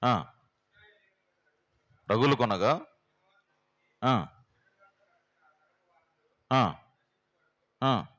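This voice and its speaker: A man's voice: mid-range voice, lively intonation, very slow, pauses often, a bit bright, dull audio. A pastor, preaching a plain, homely sermon and firing rhetorical questions at his congregation in a prayer house. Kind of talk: sermon teaching.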